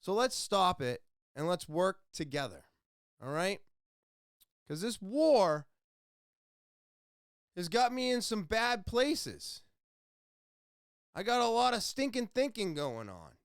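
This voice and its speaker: Podcast host, male, passionate solo rant, wide swinging pitch, unhurried delivery. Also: very animated, clear, resonant tone, no room sound, studio quality. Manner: impassioned, ranting, then quiet and somber. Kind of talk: solo opinion monologue.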